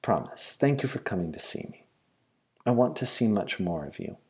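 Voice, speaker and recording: A woman's voice: a bass voice, animated, normal speed, dark tone. A man voicing a withdrawn, evasive young woman who answers curtly and guardedly. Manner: curt, guarded.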